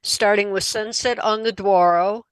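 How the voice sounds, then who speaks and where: A woman moderating a camera club competition, calling judges and announcing scores in a brisk, businesslike way. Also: medium pitch, steady tone, no echo, low-quality recording.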